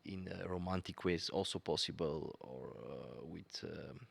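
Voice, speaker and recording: Deep, gravelly-voiced male pianist. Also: measured pace. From Bulgaria. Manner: searching for words, many fillers. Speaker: guest pianist. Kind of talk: conversational interview.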